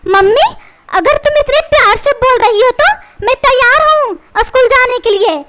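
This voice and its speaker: A woman's voice: very high voice, moderate pace, very noisy. A woman voicing a cheeky, scheming young boy who fakes being sick to skip school, talking in a whiny, pleading way.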